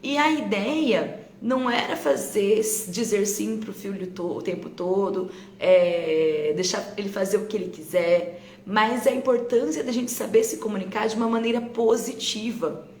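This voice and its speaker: Talking with parents on a live stream from her phone, a teacher with a Brazilian Portuguese accent keeps the tone conversational and often tosses in tag questions to check on listeners. She has a mid-range, darkish voice at normal speed. There's roomy echo, faint ambience and a little hiss or hum.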